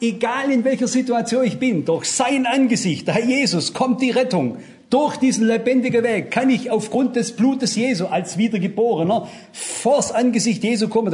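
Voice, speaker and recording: A man's voice: high-pitched, a little mellow. A man preaching a sermon in German, emphatic, swinging up and down for stress and addressing his listeners directly.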